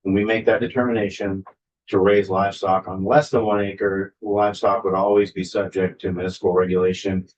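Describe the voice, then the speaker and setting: A man with a fairly low voice gives a direct, plain explanation to a committee. The audio is dull and muffled. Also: level tone, brisk, a little hiss or hum. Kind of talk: clarifying testimony.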